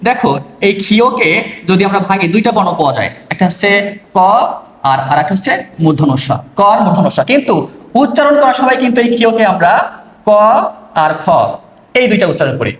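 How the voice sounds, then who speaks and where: Male tutor, high pitch, patient step-by-step explainer, echoey room. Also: big pitch swings, fast. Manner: explains step by step, asks and answers own questions. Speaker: teacher. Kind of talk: online pronunciation lesson.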